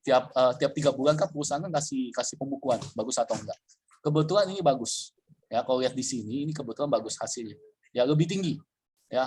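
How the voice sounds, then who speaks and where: A man's voice: fairly high pitch, a little hiss or hum. A man presenting a casual trading webinar, chatty, with frequent fillers and checks that the listener follows.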